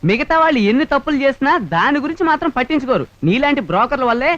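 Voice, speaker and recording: A man's voice: very high-pitched, animated, very fast, a bit bright. An actor playing a defiant, hot-tempered young film-maker who argues back at his family. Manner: defiant, argumentative. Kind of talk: 1970s film acting. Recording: dull old film soundtrack.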